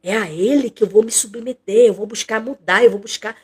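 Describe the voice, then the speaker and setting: A woman's voice: fairly high pitch, brisk, a little mellow, breathy edge. A woman teaching an expository Bible study in a conversational way, repeating phrases and acting out what people say.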